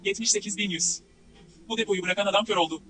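A man's voice: sits high, fast, over music, close to an everyday voice, rough recording. A man playing a storage auctioneer in a video game, calling out bids in a formulaic, repetitive, scripted way. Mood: brisk selling.

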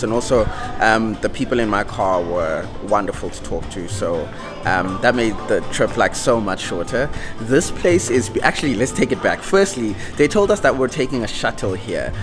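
A man's voice: fairly low pitch, animated, normal speed, music in the background. A young man, chatting casually to a handheld camera in a vlog, rambling with self-joking asides. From South Africa. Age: young adult. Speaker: vlogger. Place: home indoors, then an outdoor farm venue. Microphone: camera held at arm's length.

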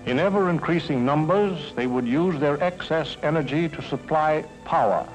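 Heard on an old film soundtrack with music, this American man's voice runs on the high side at a moderate pace. His narration is scripted, folksy and emphatic in the style of a mid-century educational film, and the recording is rough.

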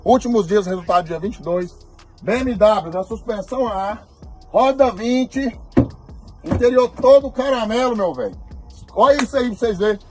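Guy yelling a raffle ad super high and pumped, music blasting under it. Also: moderate pace. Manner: excited, shouting promo patter. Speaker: raffle promoter. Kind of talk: hyped sales pitch. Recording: over loud music.

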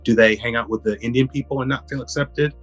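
A man in his thirties from the US Midwest, speaking calmly and thoughtfully in an interview from home on a close webcam. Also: mid-range voice, fast, husky, lo-fi sound, faint music behind. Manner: thoughtful, calm, with fillers. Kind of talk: reflective interview. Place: home room indoors.

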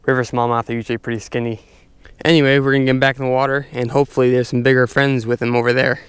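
A young man casually narrating his fishing from a stand-up paddleboard on a lake, chatty and excitable, talking to his viewers. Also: medium pitch, very fast, smooth, no room sound. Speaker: fishing vlogger. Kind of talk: casual outdoor commentary. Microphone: head-mounted action camera.

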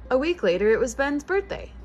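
In a living room with a couch, a thirtysomething preschool teacher reads a picture book aloud, addressing little kids expressively. She sounds high-pitched, very animated and brisk, though the audio is dull and soft music plays in the background.

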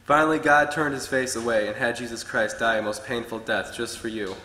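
A young man preaches earnestly from his notes at a pulpit. His voice is bright and forceful. The sound carries a long reverb from a large, echoey church hall. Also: mid-range voice, fairly even intonation, fairly quick, slight background noise. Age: young adult. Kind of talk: sermon. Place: church hall with wood-paneled walls.

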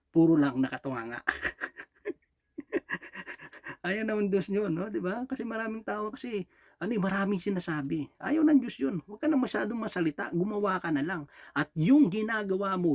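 Filipino male preacher, higher voice, conversational sermon full of "di ba?" checks, close dry sound. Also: animated, moderate pace, pauses often, no room sound. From Philippines. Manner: rhetorical "di ba?" and "no?" checks with the congregation, frequent chuckles. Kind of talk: Taglish sermon.

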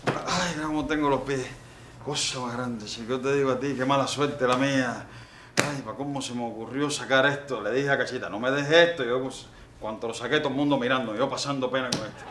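A man's voice: medium pitch, fairly even intonation, fairly quick, echoey room, background noise, natural voice. A man playing a weary, grumbling old Cuban man. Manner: sighing, complaining to himself. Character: weary older man stranded by a broken train, grumbling. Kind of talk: comedy sketch monologue.

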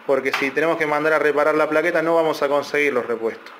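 Man, workshop repair tutorial, a bit high-pitched, faint room noise behind. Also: fairly even intonation, quick pace, fairly bright tone. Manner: loose, explanatory, many fillers and restarts. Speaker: electronics repair technician. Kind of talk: casual technical tutorial.

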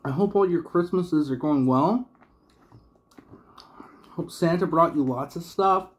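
A man's voice: fairly high pitch, unhurried. A man in a casual mukbang vlog, chatting in a rambling way while chewing his food. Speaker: vlogger.

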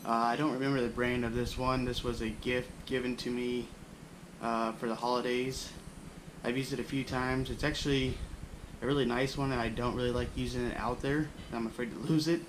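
A man's voice: mid-range voice, a little fast, background noise. A young man casually showing his camping gear, rambling with lots of fillers, recorded indoors on the camera mic. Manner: relaxed, rambling with frequent fillers. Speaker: bushcraft channel host. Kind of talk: casual gear show-and-tell. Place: indoors at a wooden floor, small room.

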